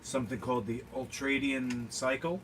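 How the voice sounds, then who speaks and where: A man speaking in a casual livestream monologue as a health coach, haltingly searching for words. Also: medium pitch, level tone, fairly bright tone. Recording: noticeable background noise.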